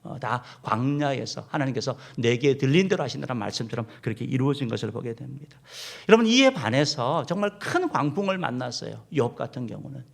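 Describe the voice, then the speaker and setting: A man's voice: medium pitch, creaky. A man, a senior pastor, preaching a sermon and speaking directly to his congregation, now and then leading them in reading aloud. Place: church sanctuary.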